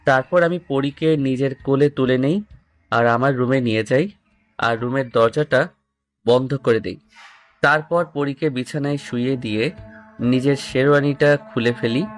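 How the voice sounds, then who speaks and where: A young male narrator with a mid-pitched voice tells a first-person romantic audio story that includes acted dialogue.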